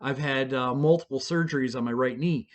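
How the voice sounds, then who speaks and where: A man's voice: mid-range voice, brisk. A middle-aged man casually telling a profane, self-mocking story, rambling with fillers and restarts. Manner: fillers and restarts, bursts of excited shouting.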